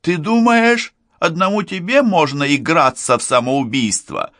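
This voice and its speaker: A man's voice: on the high side, unhurried, fairly bright tone, no echo, studio quality, pitched above the performer's own voice. A man voicing a frightened, defiant pregnant teenage girl in an audiobook, with a raised voice that cracks with emotion. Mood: bitter.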